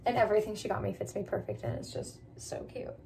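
A bubbly American woman in her twenties vlogs casually to a handheld camera held at arm's length, moving between her apartment, her car and the outdoors. Her mid-range voice is warm, creaky, fast and very animated, full of filler words, with a little hiss or hum in the recording.

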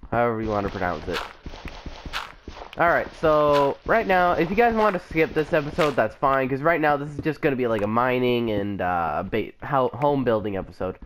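A young man still fighting a cough and the flu rambles casually through a let's play, chatting and correcting himself as he games. His voice is mid-range and slightly bright, with a bit of hiss or hum in the recording.

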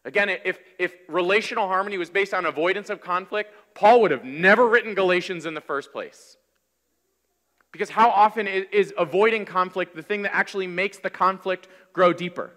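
A man in his thirties preaching a sermon from a pulpit, in a conversational, energetic way. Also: sits high, brisk. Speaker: pastor. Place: large church hall, on stage at a wooden pulpit. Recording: reverberant church hall.

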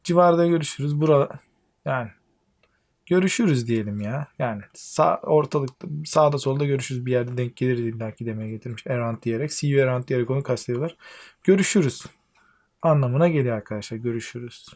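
A male English teacher with a Turkish accent, chatting through a lesson, reading English lines slowly and translating them for his students. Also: mid-range voice, a little mellow. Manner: chatty, addresses viewers as friends, reads English lines slowly then translates. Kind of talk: classroom lesson explaining exercises.

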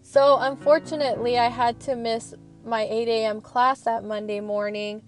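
A woman's voice: on the high side, level tone, normal speed, soft background music. A young woman student rambling in a chatty, earnest voice-over, recorded in her parked car. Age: young adult. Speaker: student vlogger.

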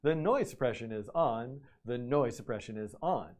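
A man's voice: mid-range voice, animated, moderate pace, darkish tone. A man hosting a live stream, repeating a test phrase while his mic's noise suppression is switched on, which leaves artifacts on his voice. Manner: repetitive, testing aloud. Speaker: livestream host. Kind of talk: casual live-stream chat. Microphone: computer mic with noise suppression.

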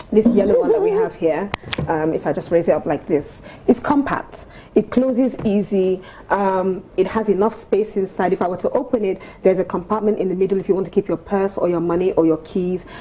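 A woman's voice: mid-range voice, slightly rough, muffled recording. A Nigerian-accented woman in her thirties explaining things as an etiquette coach on TV, with prim, precise, instructive enunciation. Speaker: etiquette coach, studio guest. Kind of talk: explanatory talk on a TV morning show. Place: TV studio on a sofa set.

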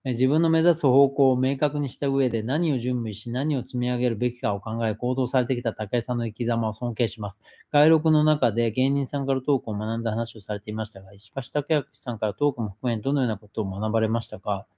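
A man hosting a live stream, talking in a casual, conversational way. He reads a viewer's question aloud, then works through a long, thoughtful answer. His voice sits at an ordinary middle pitch. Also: fast talker, few pauses, warm tone.

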